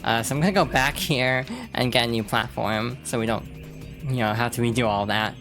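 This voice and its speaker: A woman streamer with a rumbling low voice talks briskly, rambling through casual let's-play commentary full of fillers and restarts, with game music in the background.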